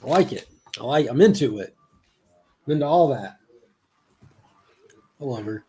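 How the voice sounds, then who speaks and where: A man's voice: medium pitch, animated, normal speed, mellow, breathy edge. A man chats casually as a guest on a friend's livestream. He keeps the mood light with teasing jokes and laughs often as he talks. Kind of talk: casual chat.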